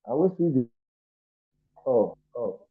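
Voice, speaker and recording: A man lecturing on an online class while his audio glitches and drops, asking haltingly whether he can be heard. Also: mid-range voice, sing-song, breathy edge. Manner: halting, many fillers, asks if he can be heard. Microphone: video call. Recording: tinny phone-like call audio.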